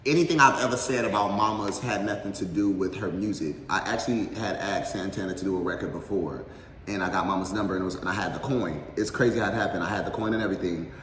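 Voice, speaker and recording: Deep-voiced man in an echoey room. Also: quick pace, crowd noise. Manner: candid, slangy, swears freely. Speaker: host of eating show. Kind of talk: casual chat and mukbang. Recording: echoey room with long reverb, faint noise.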